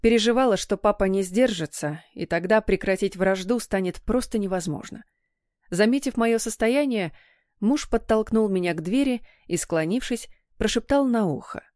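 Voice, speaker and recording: A woman narrating a first-person audiobook in an even, expressive storytelling manner. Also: medium pitch, normal speed, no echo, studio quality.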